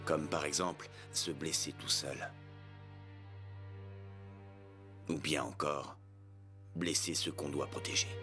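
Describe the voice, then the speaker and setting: Deep-voiced, gruff swordsman mentor. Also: steady tone, measured pace, over music. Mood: stern, grave. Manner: blunt, commanding, grumbling. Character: gruff, stern adult male swordsman mentor. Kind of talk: anime dub acting.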